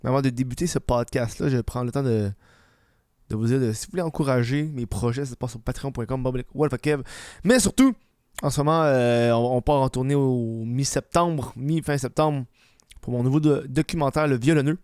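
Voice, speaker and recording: Quebec guy doing a loose funny solo podcast, slushy lispy s, swears a lot, clear voice, super dry close sound. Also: mid-range voice, a little fast, darkish tone, no room sound. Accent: Quebec French. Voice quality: lisp, slushy s from dental aligners. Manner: rambling, swearing, slangy. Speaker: podcast host. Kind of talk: casual comedic solo podcast.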